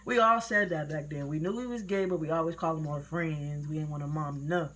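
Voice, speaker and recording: A young woman vlogger telling a personal story in a casual, slangy, animated way. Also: low voice, quick pace.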